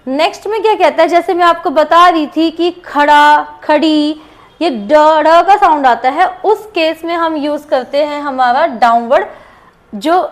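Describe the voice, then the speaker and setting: A woman's voice: high voice, measured pace. An Indian woman teaching a shorthand lesson, explaining rules step by step and repeating each example aloud.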